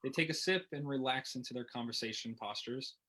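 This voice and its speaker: A man reading the stage directions of a play in a plain, even manner. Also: mid-range voice, fairly quick.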